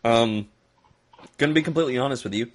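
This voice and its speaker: A man's voice: mid-range voice, fast. A man co-hosting a casual movie news chat who rambles, hedges and laughs a lot. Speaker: podcast co-host.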